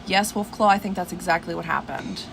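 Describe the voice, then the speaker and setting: A woman's voice: fairly low pitch, a little fast, vocal fry. A woman hosting a casual livestream from home, chatting and addressing her listeners by name. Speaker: livestream host. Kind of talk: casual livestream chat with viewers. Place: at home indoors. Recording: noisy livestream with steady background hiss.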